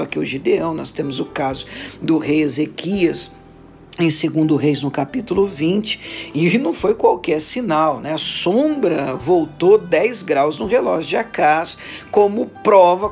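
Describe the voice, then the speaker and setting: A man's voice: high-pitched, gravelly. A Brazilian man, a pastor, giving an earnest audio devotional sermon and acting out the words of biblical figures. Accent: Brazilian Portuguese. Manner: earnest preaching, acts out biblical quotes.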